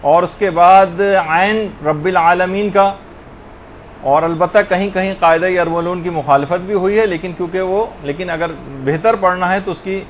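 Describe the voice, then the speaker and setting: A man with a fairly high voice teaches correct Quran recitation in an unhurried lesson. He moves between plain explanation and slow, drawn-out chanting of verses as worked examples. Faint background noise sits under the voice. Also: steady tone.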